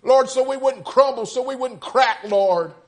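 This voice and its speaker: A man preaching a sermon, halting with fillers, repeating amen, then leading a prayer full of Lord. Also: very high voice.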